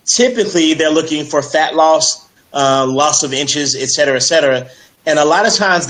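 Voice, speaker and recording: A male fitness coach speaks as a guest in a casual interview. His voice sits a little high, and he talks with persuasive energy, filling pauses with "you know" and "um". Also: fairly bright tone, rough recording. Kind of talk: casual interview on a live stream.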